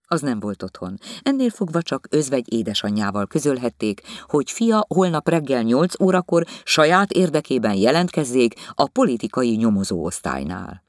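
A man reading literary prose aloud as an audiobook narrator, measured and expressive. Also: on the low side, dry recording, studio quality.

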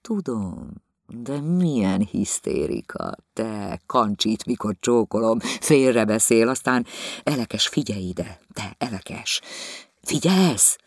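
A man's voice: fairly low pitch, very animated, creaky, dry recording, studio quality, full character voice. A man reading the part of a lovesick, boastful young man who confides eagerly in his friend. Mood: excited.

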